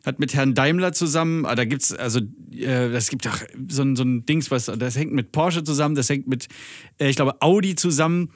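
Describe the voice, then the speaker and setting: A man's voice: mid-range voice, brisk, no room sound, studio quality. A man from Germany chatting casually as a podcast co-host, rambling, losing his thread and joking crudely. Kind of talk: casual chat.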